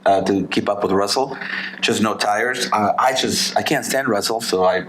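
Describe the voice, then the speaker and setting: A man's voice: fairly low pitch, normal speed, fairly bright tone, slight background noise, poor audio. A man co-hosting a casual podcast, talking in a loose, rambling way with plenty of fillers. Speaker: podcast co-host. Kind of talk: casual chat.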